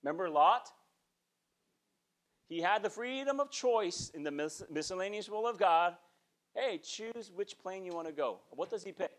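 Speaking at a moderate pace in a high-sitting voice, this man in his forties delivers a sermon as pastor of a small church, inside the sanctuary. He preaches conversationally, gestures animatedly, and keeps asking "okay?"

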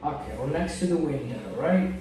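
A man teaching English, slowly prompting a young learner and modelling words for the pupil to repeat. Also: a little high, dark tone, faint music behind. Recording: echoey room, mic far off, faint noise.

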